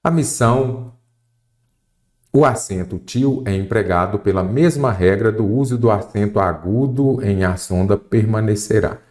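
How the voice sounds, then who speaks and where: A man's voice: lowish voice, measured pace, darkish tone. A Brazilian man teaching an exam-prep grammar lesson, explaining step by step and often checking in with the student. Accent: Brazilian Portuguese. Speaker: Portuguese teacher.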